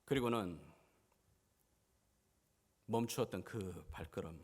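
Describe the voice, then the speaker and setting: A man preaching a passionate sermon as pastor, swinging between hushed and loud. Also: low voice, slow pace. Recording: church hall reverb.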